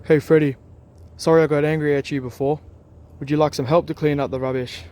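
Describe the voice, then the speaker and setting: A man voicing Harry, a male owl protecting his family, speaking loudly. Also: on the high side, fairly even intonation, brisk, natural voice. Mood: apologetic. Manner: loud scolding, then apologetic.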